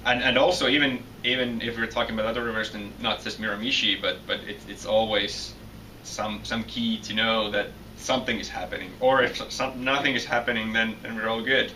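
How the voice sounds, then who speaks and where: A man's voice: fairly low pitch, steady tone, a little fast, bright, forceful tone. A young man from Finland with a Finnish accent, answering interview questions as a PhD student, hesitant and full of restarts. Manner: hesitant, many restarts and repeated words. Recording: distant mic with faint noise.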